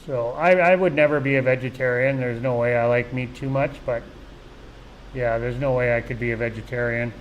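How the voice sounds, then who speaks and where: A middle-aged man from Canada talks on a live vlog in an easygoing, rambling way. He keeps restarting sentences and filling gaps with "you know." His voice sits at an ordinary pitch, with a faint hum of ambience behind him. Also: fairly even intonation, brisk, lo-fi sound. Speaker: vlog host. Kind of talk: casual live-stream chat.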